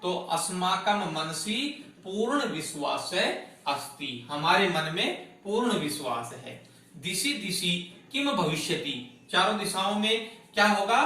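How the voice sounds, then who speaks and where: Male teacher, bright voice, slow and deliberate, quizzing himself as he explains; very echoey room, off-mic. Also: fairly high pitch. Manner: explains step by step, asks and answers his own questions. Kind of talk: online class lesson. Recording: echoey room, distant mic, faint noise.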